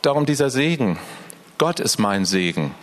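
A man's voice: medium pitch, big pitch swings, normal speed. An older man, a grandfather, preaching a personal, earnest sermon and speaking straight to his listeners. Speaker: pastor.

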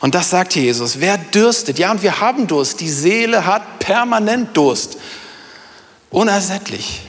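A middle-aged man with a high, animated voice preaches a sermon at a measured pace, speaking emphatically and addressing his congregation directly. He is in a church hall, and the sound is reverberant.

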